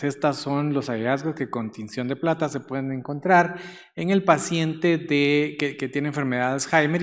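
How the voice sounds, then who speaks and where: A man from Guatemala giving a conference lecture in a conversational way, with frequent fillers and a touch of humor. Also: mid-range voice. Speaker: guest lecturer, neurologist. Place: lecture hall. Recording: long hall reverb.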